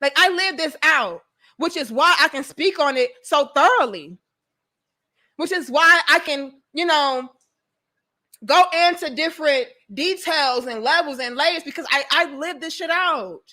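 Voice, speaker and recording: A young woman from St. Louis, Missouri hosts a livestream and gives viewers blunt relationship commentary in a high-pitched, sharp voice, going a little slowly. She talks informally, hammers her points with emphasis, repeats phrases, and swears freely.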